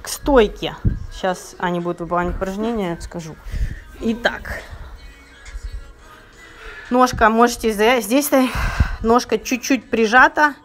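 A woman's voice: fairly high pitch, a little slow, pauses often, fairly bright tone, faint music behind. A woman fitness trainer coaching casually at home, giving short repeated encouraging cues and counting workout reps. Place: carpeted high-ceilinged living room at home. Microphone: handheld phone, sometimes covered by her hand.

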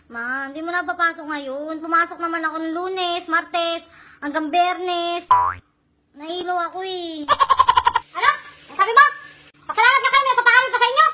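Male comic as a whiny schoolgirl, very high voice, noisy recording. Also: moderate pace. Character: whiny schoolgirl skipping class. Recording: loud background noise.

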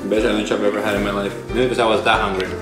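A man in his thirties chatting casually in a vlog with a deadpan, joking manner. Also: lowish voice, racing, loud music behind the voice. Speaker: vlogger's partner, father. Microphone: handheld camera a short distance away.

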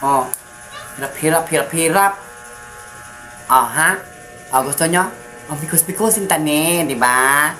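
A woman vlogger, chatting casually and teasingly while giving shout-outs to viewers. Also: deep voice, unhurried, long pauses, a little hiss or hum. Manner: chatty, teasing, giggly asides.

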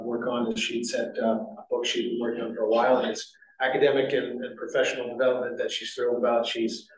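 A man chairing a city zoning board meeting, talking in a rambling way with many fillers and restarts. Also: mid-range voice. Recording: echoey meeting room, distant mic.

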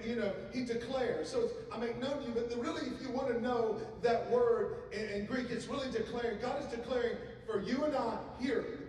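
High-voiced man preaching in echoey church. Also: a little mellow, a little hiss or hum. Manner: conversational, asks the congregation questions. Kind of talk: sermon. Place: church stage at a pulpit. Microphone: handheld microphone. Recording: echoey church hall from a distance.

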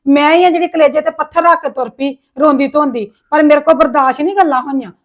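Aggrieved high-voiced woman in a family drama. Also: quick pace. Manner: aggrieved, complaining, lamenting. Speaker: actor playing a widowed sister-in-law. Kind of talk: Punjabi family drama acting.

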